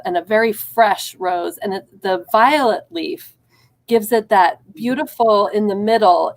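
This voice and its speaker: A woman beauty entrepreneur co-hosts a casual online chat, praising a fragrance with enthusiasm. She trips into small restarts mid-sentence. Her pitch is in a plain middle range. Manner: appreciative, enthusiastic, halting restarts.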